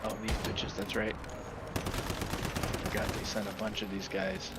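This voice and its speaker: A man's voice: lowish voice, flat delivery, measured pace, heavy background noise. A man streaming a video game who chats casually with a friend, joking, laughing and swearing. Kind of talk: casual gaming chat.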